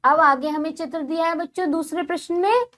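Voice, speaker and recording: A woman's voice: extremely high pitch, fairly even intonation, fairly bright tone. A woman teacher leading a primary-school lesson from a textbook. She sounds out letters and words carefully and keeps asking the children questions. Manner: patient, sounds out letters slowly and asks the class questions.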